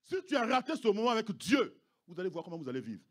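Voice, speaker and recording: Preaching a sermon as pastor in church, a man sounds emphatic and repetitive, often asking the congregation "vous comprenez?" to check they understand. His voice sits high and sing-song, and he talks fast.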